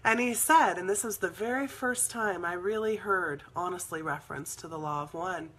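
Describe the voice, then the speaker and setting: Bright, husky-voiced woman telling a spiritual story. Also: fairly low pitch, moderate pace. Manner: earnest, rambling, with soft laughs and fillers. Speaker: spiritual healing teacher. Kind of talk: personal storytelling in a spiritual talk.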